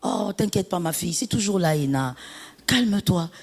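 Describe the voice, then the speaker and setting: A woman pastor voicing her husband, a calm male pastor who speaks low and soothingly. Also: moderate pace, slightly rough, long reverb tail. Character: calm middle-aged male pastor, gentle.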